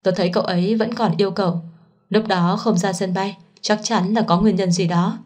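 A woman voicing a kind young man who comforts a friend in a soft, soothing voice, in a storybook reading. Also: mid-range voice, steady tone, brisk, lightly acted. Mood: gentle.

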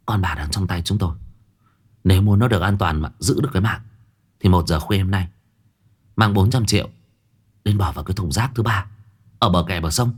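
A man voicing a desperate, ruthless young woman who speaks in a low, hoarse, threatening voice. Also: huge pitch swings, fast, long pauses. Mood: menacing.

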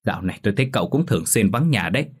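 A man's voice: on the low side, animated, rapid-fire, husky. A man voicing a stern older village woman who scolds in a matter-of-fact way. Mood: scolding.

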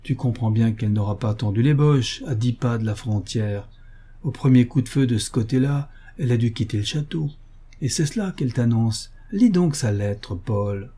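A man reading an audiobook, voicing an excited, talkative young man of seventeen. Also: mid-range voice, moderate pace, breathy edge, lightly acted. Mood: insistent.

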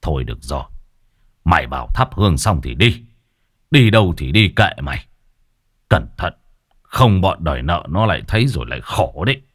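A man playing a stern, gruff widower who speaks heavily and wearily. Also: deep voice, big pitch swings, moderate pace, pauses often, no room sound, clean studio sound. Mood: weary. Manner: gruff, heavy, weary sighing.

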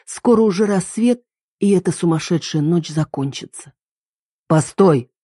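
Low mellow woman reading a story. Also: moderate pace, slightly rough, no echo, clean studio sound. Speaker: reader. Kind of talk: first-person story reading.

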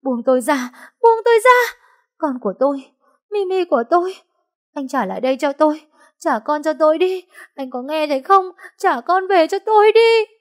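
A woman's voice: fairly low pitch, normal speed, long pauses, dark tone, breathy edge. A woman voicing a grief-stricken young mother in an audiobook, crying out and pleading. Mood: frantic. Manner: screaming, sobbing pleas. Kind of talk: audiobook dialogue.

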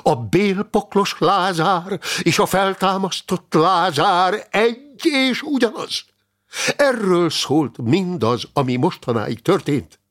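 A man voicing an excited Benedictine monk who preaches fervently in a raised voice. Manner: high, fervent, later whispering.

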